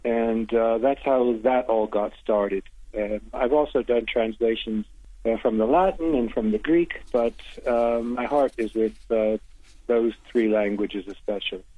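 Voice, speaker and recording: A man answering radio interview questions as a literary translator, halting with many hesitations and restarts. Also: medium pitch, steady tone, no echo. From United States. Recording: tinny phone line, dry.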